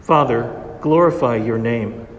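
A man, a priest, reading the gospel and preaching a homily in a measured, deliberate way, his voice carrying the long echo of a large church. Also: mid-range voice, highs cut off. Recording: reverberant church recording.

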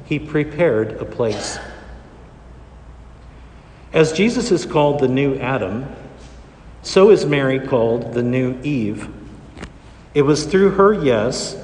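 Male priest, mid-range voice, solemn measured preaching, long cathedral reverb. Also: mid-range voice, slight background noise. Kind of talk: liturgical gospel reading and homily. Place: large reverberant church during Mass. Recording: long cathedral-like echo, large church.

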